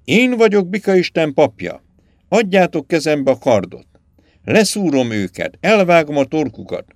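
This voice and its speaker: A man's voice: very animated, no echo, clean studio sound. A man voicing a cruel, petulant young prince hungry for power, with a whiny, demanding way of talking. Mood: frenzied. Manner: whiny, demanding, shrill outbursts.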